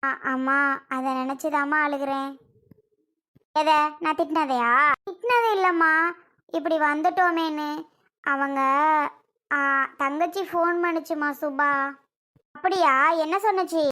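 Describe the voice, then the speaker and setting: Performer doing a weepy young daughter. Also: female voice, high-pitched, a little slow, pauses often. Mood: plaintive. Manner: soft, plaintive, weepy. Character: tearful young married daughter.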